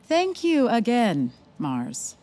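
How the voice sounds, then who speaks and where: Using a full character voice, an actress portrays a rehab facility's stern, formal head for an audio drama, her wording precise, clipped and authoritative. She pitches on the high side with a dark tone, speaking very slowly with huge swings in pitch.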